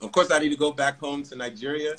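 Guy hosting a phone livestream, kinda high voice, laughing a lot, greeting callers. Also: steady tone, a bit bright. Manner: upbeat, quick greetings with lots of laughing. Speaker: livestream host. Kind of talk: casual video call chat. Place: indoor room. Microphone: phone at close range.

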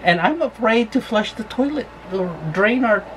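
A woman's voice: on the high side, lively intonation, normal speed, slight background noise. A woman travel vlogger ranting angrily and swearing about her RV campsite. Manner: furious, profane complaining. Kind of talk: angry vlog rant.

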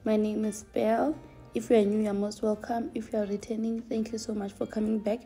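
A woman's voice: mid-range voice, flat delivery, fairly quick, warm tone, faint music behind. A woman opening her vlog with a welcoming greeting to viewers. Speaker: vlog host.

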